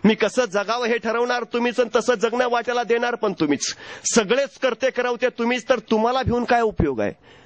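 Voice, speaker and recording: Storyteller quotes a devoted young bride, played by a man: earnest and measured, high and dry. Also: dry recording. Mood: devoted, calm. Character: young newlywed wife, devoted and unafraid.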